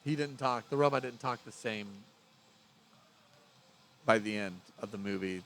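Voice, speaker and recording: A middle-aged man co-hosts a casual film review podcast, rambling, correcting himself, and chuckling as he goes. His voice is lowish and a bit bright, and he speaks at a measured pace.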